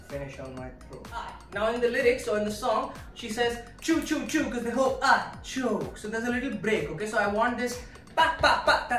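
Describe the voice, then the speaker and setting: A woman teaching a dance routine, counting beats and breaking down each move while she demonstrates, a little breathy from dancing. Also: mid-range voice, distant mic. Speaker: dance instructor. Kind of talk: choreography tutorial. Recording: echoey room, voice off-mic, faint music.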